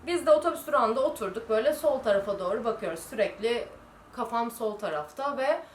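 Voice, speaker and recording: A woman's voice: a little high, lively intonation, quick pace, reverberant, a little hiss or hum. A young woman from Turkey chatting casually as she answers viewer questions in a vlog. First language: Turkish. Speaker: vlogger.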